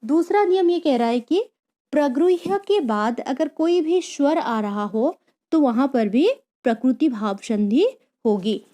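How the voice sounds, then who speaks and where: High-voiced woman teaching a lesson. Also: animated, unhurried, dark tone. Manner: patient, repeats key terms and asks rhetorical questions. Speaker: Sanskrit teacher. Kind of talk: explanatory online lesson.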